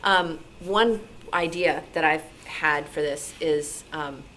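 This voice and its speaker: Answering questions about her work as a radio programmer, an American woman talks in a relaxed, enthusiastic way at a club meeting. She has a low-sitting, fairly bright voice and speaks slowly, captured in a noisy live room.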